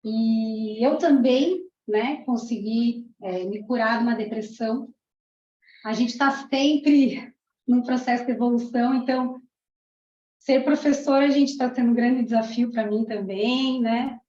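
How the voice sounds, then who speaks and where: A woman's voice: on the high side, a little slow. Emotional chatty woman, roomy sound. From Argentina. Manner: warm, emotional, chatty, many "né"s. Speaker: parapsychologist and teacher. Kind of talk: testimonial talk to a class. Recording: roomy, dull lo-fi room sound.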